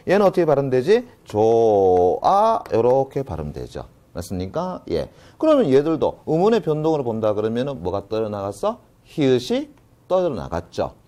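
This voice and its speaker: A male teacher with a mid-range, dark-toned voice delivers a grammar lecture. He keeps checking in with students, answers his own questions, and draws out key terms with stress.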